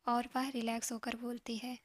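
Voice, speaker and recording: A woman's voice: on the high side, flat delivery, moderate pace. A woman casually narrating a love story, voicing the characters' lines and often slipping into an unvoiced whisper. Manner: chatty, asides to listener.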